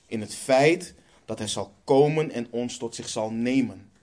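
A man preaching a sermon, earnest and measured, slowing down on key phrases and then reading scripture aloud. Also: medium pitch, darkish tone.

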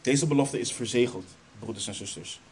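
A man's voice: medium pitch, fairly quick, a little mellow, slightly rough. A man preaching a sermon in Dutch churches' style, stressing key lines emphatically, then leading a prayer.

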